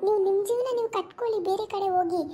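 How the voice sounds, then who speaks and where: A woman's voice: very high-pitched, rapid-fire. A woman playing a jealous, hot-tempered young wife in an amateur village drama, who hurls scornful insults. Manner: scornful, accusing, shouting insults.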